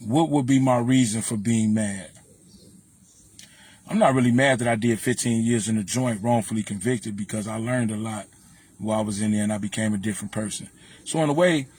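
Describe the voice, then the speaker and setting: A man's voice: medium pitch, a little mellow, slightly rough. Blunt Chicago man streaming live. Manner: blunt, preachy, talks straight to viewers. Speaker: livestream host. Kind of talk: casual livestream talk.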